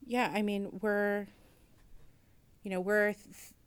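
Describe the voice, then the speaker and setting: A woman's voice: medium pitch, level tone, slow, smooth, no echo. A woman museum curator answering interview questions, thoughtful and hesitant, with many fillers and restarts. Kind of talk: interview conversation.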